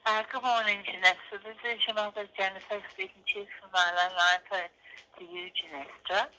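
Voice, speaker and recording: A woman's voice: mid-range voice, steady tone, a little fast, pushed and bright, rough recording. An older woman leaving a formal, repetitive voicemail message, heard played back over a landline phone.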